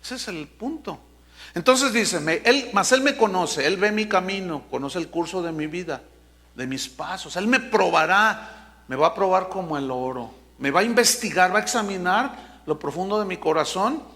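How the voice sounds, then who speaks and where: A male pastor preaching a sermon with emphatic delivery, slowing down to stress key words. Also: high voice, expressive, sharp tone, in a large hall.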